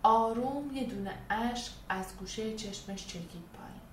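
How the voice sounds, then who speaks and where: A woman narrating a children's storybook in a soft, expressive way. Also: fairly high pitch, background noise. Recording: echoey room, distant, faint music.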